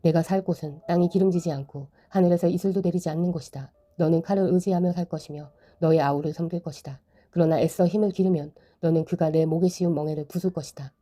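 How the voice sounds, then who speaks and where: A woman's voice: on the low side, steady tone, fast talker, dark tone, lightly acted. A woman reading the lines of an aged, solemn patriarch father in a Bible reading.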